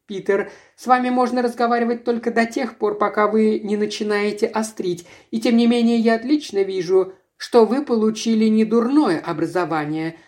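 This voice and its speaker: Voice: mid-range voice, a little mellow, voice pushed up, close to an everyday voice. A reader voicing a haughty, touchy young woman who scolds her family's chauffeur in a raised, imperious voice. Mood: scolding.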